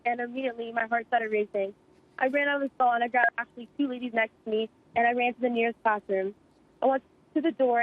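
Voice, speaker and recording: A teenage girl, an eyewitness student, recounting events rapidly over the phone, shaken and in shock. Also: fairly high pitch. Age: teens. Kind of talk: phone interview. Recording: tinny phone line.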